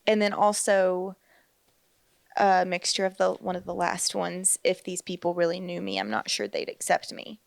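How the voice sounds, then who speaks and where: A woman co-hosting a casual faith-based podcast, chatting and reacting quickly. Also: lowish voice, level tone, gravelly, no echo. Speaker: podcast co-host.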